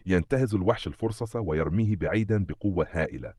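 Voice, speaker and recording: A male narrator with a very deep voice and a husky grain recaps a comic story in steady, dramatic scripted narration. The sound is dry and close, with no room around it. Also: quick pace, dry recording.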